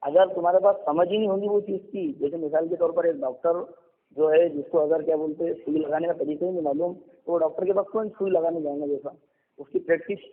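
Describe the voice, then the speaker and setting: A man's voice: a little high, fairly even intonation. Scolding man over an echoey phone line. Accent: Indian Urdu. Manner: scolding, repetitive, fillers. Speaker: debater. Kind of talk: heated religious debate. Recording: tinny phone line with reverb.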